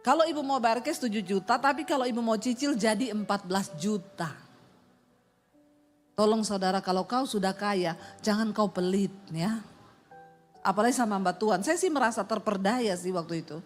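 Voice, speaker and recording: A middle-aged woman pastor tells funny stories in a sermon, animatedly acting out voices and sound effects. Her voice is medium-pitched at normal speed, with soft music playing behind her.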